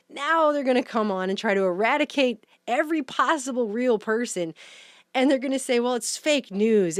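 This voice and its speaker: A woman's voice: fairly high pitch, dry recording, studio quality. Sarcastic woman ranting in commentary. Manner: sarcastic, mocking, rapid run-on rants. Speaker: vlogger, commentator. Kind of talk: casual commentary.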